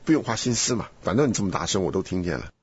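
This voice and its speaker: A man hosting a casual Bible study chat, animated and rambling with frequent laughs. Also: low voice, very fast, slightly rough. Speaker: host. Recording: dull lo-fi recording.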